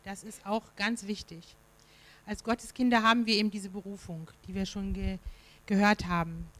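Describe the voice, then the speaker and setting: A woman's voice: mid-range voice, fairly even intonation, normal speed, a bit bright, poor audio. A woman gives a sermon in an easy, conversational manner. She stops for small fillers and asks the room rhetorical questions as she goes. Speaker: preacher.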